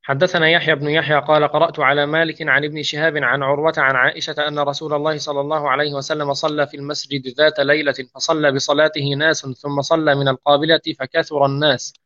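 Male reader, measured hadith recitation, slightly raised pitch, muffled lo-fi recording. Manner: steady measured recitation with small restarts. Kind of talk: reading hadith narrations aloud.

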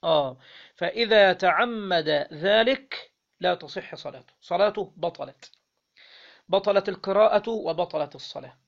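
A man with an Egyptian accent teaching Islamic law, reading a legal text aloud and then explaining it, often pausing to quiz his listeners. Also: high-pitched, dull audio. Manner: reads the text then explains, quizzing listeners with "what?" pauses.

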